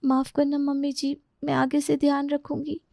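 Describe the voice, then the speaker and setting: A woman's voice: high voice, moderate pace, darkish tone, no room sound, studio quality, pitched above the performer's own voice, natural voice. A woman voicing a meek, anxious young bride in a cartoon story, apologetic and pleading.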